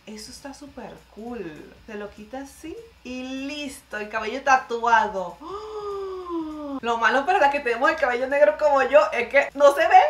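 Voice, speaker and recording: A young woman giving excited reaction commentary on beauty tips, exclaiming often and calling viewers "my love". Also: on the high side, roomy sound.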